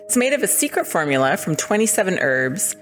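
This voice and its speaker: A woman's voice: lowish voice, big pitch swings, a little fast, soft background music. An American woman presenting a scripted comic segment in a dry, wry way. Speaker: podcast contributor.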